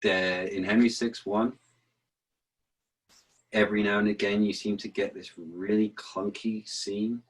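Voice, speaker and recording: Male interview guest, deep husky voice, thinks aloud with stops and restarts. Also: steady tone, unhurried, pauses often, low-quality recording. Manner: restarts phrases, repeats words while thinking, taps out verse rhythms. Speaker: interview guest, actor and author. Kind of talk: thoughtful interview answers.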